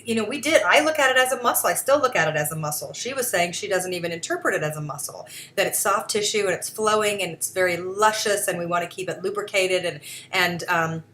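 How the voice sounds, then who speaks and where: A woman with a somewhat low voice hosts her own show in a loose, unscripted monologue. She talks earnestly and rambles, with plenty of fillers and restarts. A faint hiss sits under the recording. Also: quick pace, hardly any pauses, sharp tone. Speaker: podcast host. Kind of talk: casual solo commentary.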